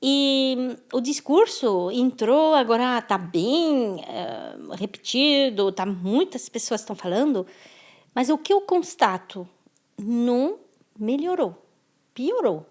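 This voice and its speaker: French woman, gentle higher voice. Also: animated, slow pace. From France. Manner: thoughtful, often restarts words. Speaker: guest. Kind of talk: conversational interview.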